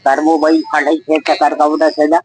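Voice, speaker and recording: Older man mumbling fast and unclear. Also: fairly high pitch, monotone, slightly rough, low-quality recording. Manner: mumbled, hard-to-follow speech. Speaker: homeless man being helped. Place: outdoors on a street.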